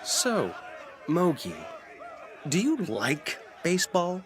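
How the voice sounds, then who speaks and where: A man's voice: high-pitched, wildly swooping pitch, slow pace, a loud crowd, heavy background noise, heavily acted. A man playing a brash, girl-crazy, clownish teenage schoolboy in an English anime dub. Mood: teasing.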